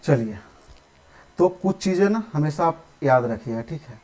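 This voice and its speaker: Patient Hindi maths teacher, repeating steps. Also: male voice, on the high side, lively intonation, a little slow, warm tone, rough recording. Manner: patient, repeats steps, says "ठीक है" often. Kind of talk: live online maths lesson.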